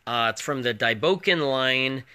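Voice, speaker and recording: Bright-voiced man, casual home shopping host. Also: expressive, unhurried, clear, resonant tone. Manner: rambling, hesitant item-by-item pitch with prices.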